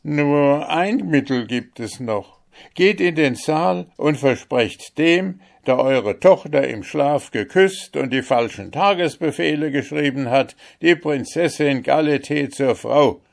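A man's voice: fairly high pitch, expressive, slow pace, vocal fry, pitched above the performer's own voice, heavily acted. A man voicing a desperate old male robber captain in a fairy tale reading, pleading in a raised voice. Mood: urgent.

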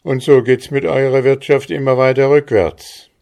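A man reading aloud, voicing a blustering, stout, rich old farmer with a loud and gruff manner. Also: mid-range voice, level tone, moderate pace, pitched above the performer's own voice, natural voice.

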